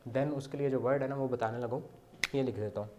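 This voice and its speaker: A man's voice: mid-range voice, fairly even intonation, a little fast, noisy background. Man teaching beginner chinese, patient step by step explainer, medium voice. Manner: explains step by step, often checks with "ठीक है". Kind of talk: beginner language lesson.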